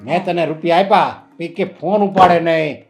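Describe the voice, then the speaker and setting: A flustered middle-aged employer. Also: male voice, fairly high pitch, moderate pace, creaky, faint music behind. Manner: flustered, pleading.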